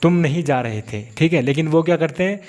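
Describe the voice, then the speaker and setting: A man from India, teaching English grammar in a classroom style and slowly repeating example phrases. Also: fairly high pitch, lively intonation, darkish tone. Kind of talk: classroom-style spoken lesson.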